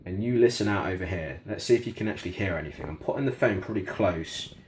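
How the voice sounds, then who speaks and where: This low-pitched man talks fast in a darkish tone, with slight noise behind him. As a gadget reviewer in his kitchen, he demonstrates a product and critiques it frankly in a relaxed, chatty way.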